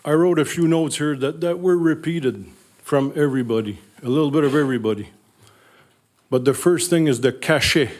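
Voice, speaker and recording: Speaking as a resident at a council meeting, this older French Canadian man from Northern Ontario talks with earnest bluntness. His voice is a little high and a little mellow, at a moderate pace, and French is his first language.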